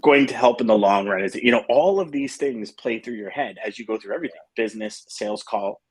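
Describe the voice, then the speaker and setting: A man's voice: mid-range voice, fast talker, slightly rough. A middle-aged man hosting a casual morning show, talking in a rambling way with restarts and fillers. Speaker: host.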